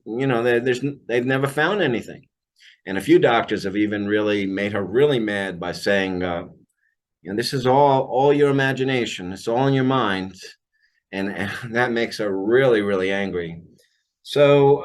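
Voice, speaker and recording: A man working as an aura healer, telling about a client session in an unscripted monologue, halting with many fillers and restarts. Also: fairly low pitch.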